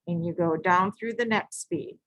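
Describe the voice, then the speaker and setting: A woman's voice: lowish voice, normal speed, fairly bright tone, no room sound, low-quality recording. A woman teaching a beading stitch live, giving patient, repetitive step-by-step instructions and sometimes correcting herself. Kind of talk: step-by-step craft tutorial.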